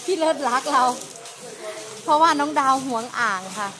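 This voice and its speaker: A woman's voice: high-pitched, lively intonation, moderate pace, crowd noise. A woman, chatting and teasing as she narrates outdoors. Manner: chatty, teasing, polite particles. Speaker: vlogger narrating elephant calves. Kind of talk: casual on-the-spot commentary. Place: outdoors at an animal pen.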